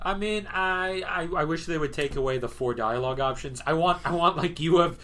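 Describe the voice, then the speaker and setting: A man's voice: fairly high pitch, brisk, sharp tone. A young man co-hosting a podcast, joking and arguing in casual chat, swearing often. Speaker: podcast co-host.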